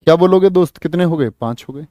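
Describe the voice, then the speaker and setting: A man's voice: on the high side, quick pace, dark tone, no echo, clean studio sound. A man teaching an online exam-prep class, quizzing students and reading out their answers. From India. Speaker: Hindi teacher.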